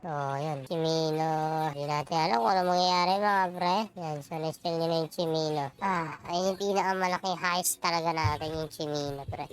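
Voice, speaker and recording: A gamer chatting casually to followers while playing, with the voice run through a pitch-shifting voice changer. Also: steady tone, fairly quick, faint music behind. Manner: chatty, keeps calling viewers "pre". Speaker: Roblox gamer addressing followers. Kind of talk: casual gameplay commentary.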